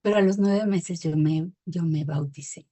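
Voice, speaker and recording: A middle-aged woman telling her personal faith testimony in a reflective, hesitant way, pausing often with fillers. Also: lowish voice, dark tone. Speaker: testimony speaker.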